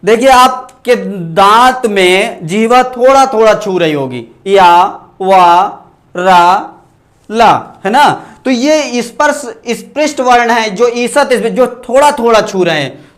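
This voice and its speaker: A man's voice: extremely high pitch, fairly bright tone. A man teaching an online Sanskrit lesson, sounding out letters one by one and asking and answering his own questions. He also reads viewers' comments aloud and thanks them. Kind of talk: online exam-prep lesson.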